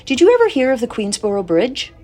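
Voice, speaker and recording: A woman voicing a wise, calm female spider with a gentle, patient, matter-of-fact manner. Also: a little high, fast, voice pushed up.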